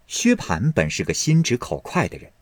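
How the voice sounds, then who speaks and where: A man narrating a classic novel as an expressive, dramatic audiobook storyteller. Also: medium pitch, normal speed, dry recording.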